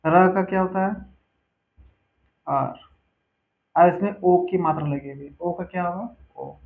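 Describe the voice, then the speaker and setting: Over a board, a man with a high-pitched voice teaches a spelling lesson, patiently repeating each word slowly for his students. The audio sounds tinny, like it came through a phone.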